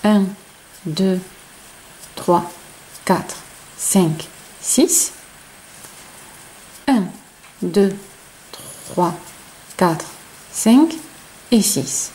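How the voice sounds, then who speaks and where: A woman with a non-native French accent, teaching crochet step by step and counting stitches aloud in a chatty, soft-spoken way. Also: medium pitch, lively intonation, extremely slow, long pauses, slight background noise, poor audio. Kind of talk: slow step-by-step tutorial.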